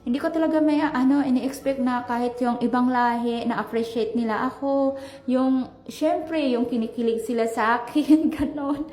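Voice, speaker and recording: A high-pitched young woman vlogs as she walks down a street, chatty and animated, calling out to her viewers often. The recording has an echoey, roomy ring. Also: moderate pace. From Philippines. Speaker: travel vlogger. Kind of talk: casual vlog chat while walking. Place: outdoors on a street.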